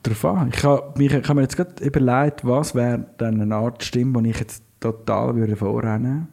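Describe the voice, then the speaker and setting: A man with a Swiss German accent co-hosts a podcast, chatting casually in a joking, playful, mock-meditative way. His medium-pitched voice is mellow and steady, with some vocal fry, and he talks at a normal speed.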